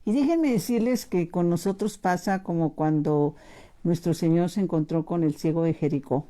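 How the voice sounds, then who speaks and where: A middle-aged woman preaching a personal testimony, her voice low-set and mellow. She tells her story warmly to her listeners, climbing higher for emphasis and then dropping to a hushed near-whisper. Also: normal speed. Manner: storytelling, addresses listeners as brothers, rising and hushing for emphasis. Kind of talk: testimony sermon.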